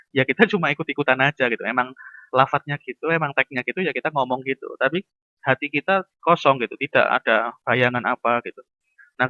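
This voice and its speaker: A man's voice: mid-range voice, no room sound, lo-fi sound. A man giving a casual university lecture, talking through everyday examples and acting out little dialogues.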